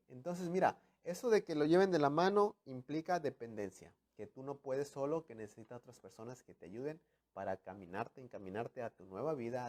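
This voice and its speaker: Male pastor, lively sermon delivery, voice a bit high, moves between loud and quiet. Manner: animated preaching, acting out dialogue, swings from loud to hushed.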